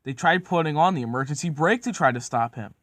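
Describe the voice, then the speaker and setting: A man's voice: on the high side, animated, quick pace, fairly bright tone, dry recording. A man narrating a comedic story in a casual, profane, mock-serious way.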